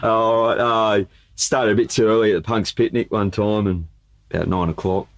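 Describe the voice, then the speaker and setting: Low-voiced, sweary Australian man. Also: fairly even intonation, moderate pace, no room sound. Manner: laid-back, sweary, slangy. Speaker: band musician. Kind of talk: casual anecdote telling.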